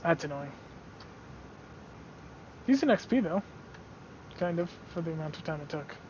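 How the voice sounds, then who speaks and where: A man's voice: a little high, animated, normal speed, darkish tone, a little hiss or hum. A man chatting casually while streaming a game, with self-mocking asides, on slightly dull lo-fi audio. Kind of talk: casual gameplay commentary.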